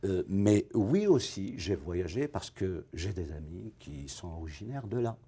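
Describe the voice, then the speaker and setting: A male novelist, originally from Africa, answering questions in a television interview, thinking aloud and searching for his words, with many pauses. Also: deep voice, expressive, dark tone, slightly rough. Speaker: novelist guest. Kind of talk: TV interview, reflective.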